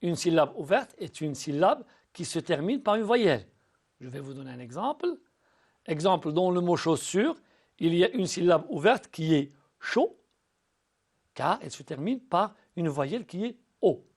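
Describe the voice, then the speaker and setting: A male teacher giving a recorded school lesson, speaking patiently to pupils and slowly spelling out syllables. He often repeats and restarts words. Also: on the high side, big pitch swings, darkish tone, slightly rough.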